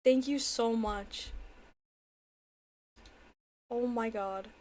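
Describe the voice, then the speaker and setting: A woman with a high voice chats to her livestream viewers like a playful gamer girl. She is giggly and excitable, full of exclamations, yet fairly unhurried in her pace. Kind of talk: casual livestream chat to viewers.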